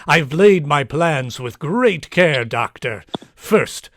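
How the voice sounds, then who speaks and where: In an old-time radio play, a man plays a megalomaniac villain posing as a professor, speaking deliberately, grandly and theatrically. His voice is a little high, and the recording is dry with clean studio sound.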